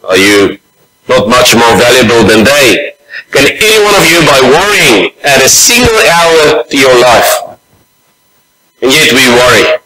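A man preaching a sermon as pastor in a church, slow and deliberate, reading scripture aloud. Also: on the high side, echoey room, rough recording.

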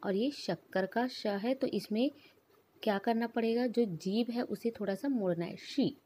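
A woman's voice: a little high, normal speed, mellow, slight background noise. A woman teaching an English pronunciation lesson to children, patiently explaining with repeated examples.

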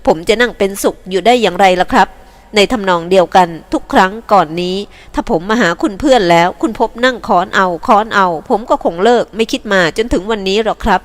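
A woman's voice: medium pitch, fast talker, close to an everyday voice. A woman reading the part of an earnest young man who pleads to be heard. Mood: pleading.

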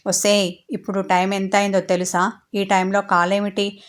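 A woman's voice: medium pitch, little pitch movement, normal speed, lightly acted. Woman reading as a cheeky young friend. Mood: sleepy, grumbling. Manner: teasing, mischievous.

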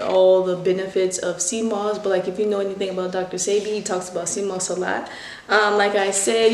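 A woman vlogger giving a casual how-to chat, rambling with many fillers into a handheld phone. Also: medium pitch. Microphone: handheld phone mic. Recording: echoey room with faint noise.

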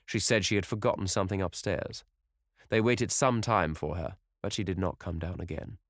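A worldly aristocratic gentleman, put on by a man reading aloud, talks in a cool, measured, drily witty way. The voice is deep and sounds close and dry. It is an audiobook character voice. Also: no room sound.

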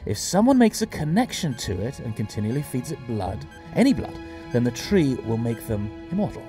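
Animated man playing the Doctor, eccentric time traveller. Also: medium pitch, a little fast, close to an everyday voice. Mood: wry, explaining. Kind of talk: audio drama acting. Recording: music under the voice.

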